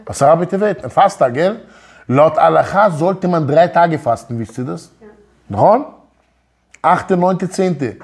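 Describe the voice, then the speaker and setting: A man in his thirties delivers a lively, emphatic Torah lecture, his pitch leaping up and down as he fires rhetorical questions at his listeners. His voice sits somewhat high for a man and has a husky edge. He is recorded close on a lapel mic in a small office room. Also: measured pace. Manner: emphatic, gesturing, rhetorical questions, mixes Hebrew words. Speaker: Torah teacher. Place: office room with wooden wall.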